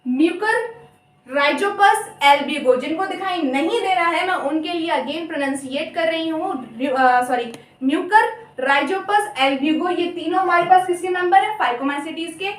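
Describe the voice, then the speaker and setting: A young woman teaching biology in a chatty lecture, repeating terms slowly and apologizing often. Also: very high voice, recorded from a distance. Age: young adult. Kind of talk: casual Hindi lecture with mnemonics. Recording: echoey room, voice off-mic.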